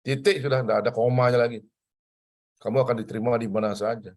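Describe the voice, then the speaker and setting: Older man, from Bali, civil service trainer, lecture to trainees, lively and preachy, Javanese phrases, middle pitch. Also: quick pace.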